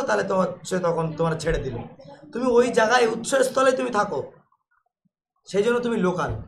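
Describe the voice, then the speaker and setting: A man's voice: high-pitched, fairly bright tone, rough recording. A man teaching an online exam-prep class, reading out questions and answering them, explaining with playful everyday examples in a West Bengal Bengali accent. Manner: reads questions then answers.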